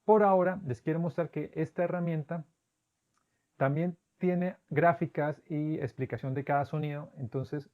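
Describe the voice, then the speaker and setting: A man whose first language is Spanish explains English vowel sounds in a steady, methodical way. He repeats each sample word slowly to demonstrate it. His voice sits a little high, and the recording is dull and lo-fi. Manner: patient, methodical, drawn-out demonstration words. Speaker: English pronunciation teacher. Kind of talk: instructional explanation.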